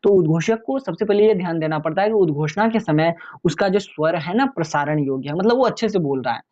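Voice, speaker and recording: A man's voice: a little high, expressive, brisk, darkish tone. Chatty male tutor, muffled lo-fi sound. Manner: conversational, addresses viewers as friends, repeats "clear?"; chatty, many fillers and restarts. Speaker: exam tutor. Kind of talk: casual explanatory lecture.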